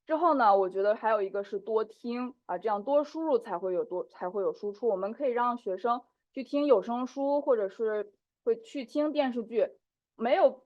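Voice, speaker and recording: A woman teacher giving a conference talk, explaining at a steady pace with small fillers. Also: fairly high pitch. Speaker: conference speaker, Chinese teacher. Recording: dull lo-fi audio.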